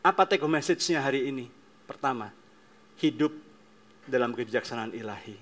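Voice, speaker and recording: Emphatic, bright-voiced male preacher. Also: medium pitch, fairly quick, a little hiss or hum. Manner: emphatic, swinging between loud and soft. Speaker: pastor. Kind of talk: sermon.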